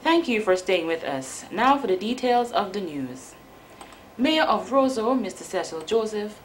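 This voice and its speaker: A woman with a Dominican Caribbean accent reading the news in a formal, measured way. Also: medium pitch, a little hiss or hum, rough recording. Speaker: news presenter.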